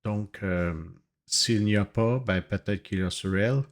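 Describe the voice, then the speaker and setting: Man playing a low-voiced, halting official. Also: steady tone, lightly acted. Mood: formal, concerned. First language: not French. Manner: halting, formal, hesitant. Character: formal, hesitant hospital security official, male. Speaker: hospital official or inspector. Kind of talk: improvised role-play.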